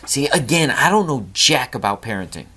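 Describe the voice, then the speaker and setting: A man's voice: mid-range voice, big pitch swings, normal speed, bright, forceful tone. A middle-aged man hosting a podcast, telling an earnest story about a talk with his son and lecturing on gratitude. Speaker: podcast host. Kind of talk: storytelling monologue.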